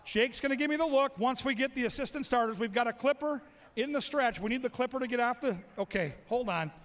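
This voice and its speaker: A man calling live races as a track announcer, excitable and shouting out the calls and names. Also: very high-pitched, quick pace. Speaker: race announcer. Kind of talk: live race-call commentary. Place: racetrack.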